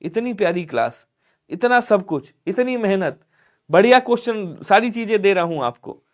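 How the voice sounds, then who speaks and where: A man's voice: sits high, lively intonation, moderate pace. A man teaching an online exam-prep grammar lesson, explaining step by step and asking his students questions that he answers himself. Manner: urges viewers to like and subscribe.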